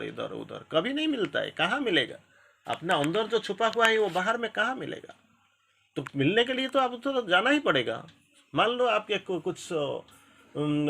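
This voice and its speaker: A man with an Odia-influenced accent gives a spiritual pep talk. His voice is bright and gravelly, and his pitch swings widely. He hammers points home through repetition. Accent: Odia-influenced Hindi. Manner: exhorting, repetitive, mixes English maxims into Hindi. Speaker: spiritual speaker.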